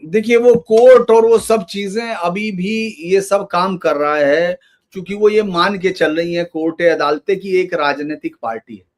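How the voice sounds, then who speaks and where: Man, fairly high voice, political commentator, emphatic, run-on phrasing. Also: normal speed. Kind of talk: conversational political discussion.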